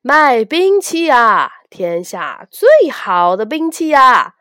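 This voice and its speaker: Give me a loud, bragging street vendor hawking his wares, put on by a woman in a children's storybook, high and swinging. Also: very animated, slow, dry recording, clean studio sound, full character voice. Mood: boasting. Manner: bragging, salesman's patter.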